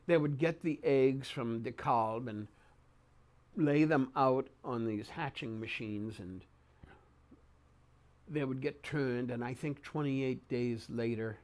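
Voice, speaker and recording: An older man reminiscing in an oral-history interview, speaking haltingly with repeated words and pauses mid-sentence. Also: mid-range voice. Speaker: interviewee recounting memories.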